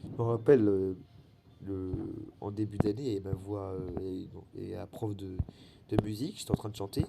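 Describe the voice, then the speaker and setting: A man's voice: lowish voice, fairly even intonation, moderate pace, vocal fry, heavy background noise. A teenage boy chatting casually over his gameplay, rambling with many fillers and restarts in a slightly cracking, wavering voice. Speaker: gaming channel host.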